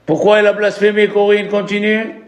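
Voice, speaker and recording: A man teaching a religious class as a rabbi, lively and questioning his listeners. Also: high voice, fairly quick. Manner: animated, asks the audience questions. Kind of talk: religious lesson.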